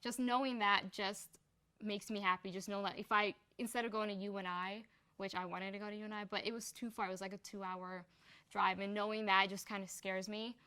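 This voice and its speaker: Interviewed casually for a community profile, a young Somali woman speaks a little fast in a smooth, bright, mid-range voice with a steady but forceful tone. Her talk is chatty and unpolished, leaning heavily on filler words.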